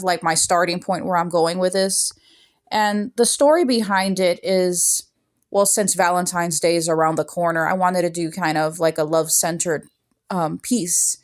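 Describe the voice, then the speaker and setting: A young woman hosting her art channel, talking casually over a painting video and then reading her own poem. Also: fairly low pitch. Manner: soft-spoken, relaxed, with fillers like "kinda" and "like".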